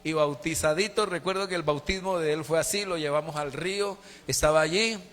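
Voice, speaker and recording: A man's voice: a little high, a little fast, fairly bright tone. A middle-aged man, a Colombian pastor, preaching a sermon and telling a personal testimony with emotion and a lot of repetition. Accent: Colombian Spanish. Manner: emotional storytelling with heavy repetition. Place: church sanctuary. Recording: long church reverb.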